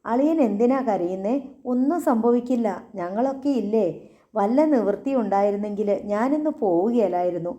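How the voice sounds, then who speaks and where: A woman's voice: mid-range voice, normal speed, warm tone, dull audio, close to an everyday voice. A woman voicing an anxious middle-aged man who speaks in a hesitant, pleading way. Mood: worried. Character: anxious middle-aged man, the in-law taking his leave.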